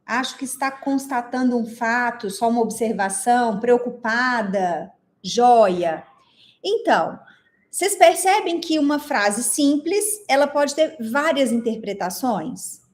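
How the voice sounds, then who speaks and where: An instructor with a Brazilian Portuguese accent teaches an online class expressively, asking her audience many questions and reading their chat replies. Her voice sits on the high side and is a little slow.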